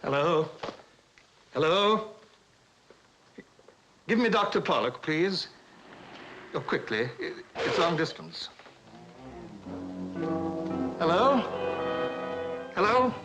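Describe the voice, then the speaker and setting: A man acting an anxious middle-aged father in a 1950s film drama, pleading in a halting, insistent way. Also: a little high, very animated, fairly bright tone, full character voice, poor audio. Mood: anxious urgency. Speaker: actor. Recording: old film soundtrack, music underneath.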